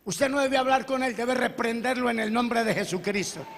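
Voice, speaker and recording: High-voiced male preacher in a hall. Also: moderate pace, vocal fry, a bit bright. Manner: preaching with call-and-response questions and Bible reading. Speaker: pastor. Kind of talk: sermon. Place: church hall.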